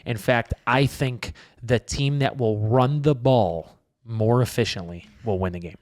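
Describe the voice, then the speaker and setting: A man co-hosting a casual sports betting show, self-mocking and a bit halting. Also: medium pitch, a little mellow. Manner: self-deprecating, halting, laughs through his words. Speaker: sports betting podcast co-host.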